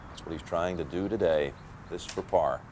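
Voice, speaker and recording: Low-voiced male golf commentator, understated. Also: moderate pace, darkish tone. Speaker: golf commentator, broadcast anchor. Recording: outdoor broadcast, faint background noise.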